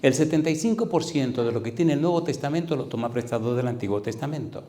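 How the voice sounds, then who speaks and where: Man, 50s, pastor, sermon, asks the congregation questions, warm mellow tone. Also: medium pitch, lively intonation. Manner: engages the audience with repeated questions; slows down to stress scripture readings.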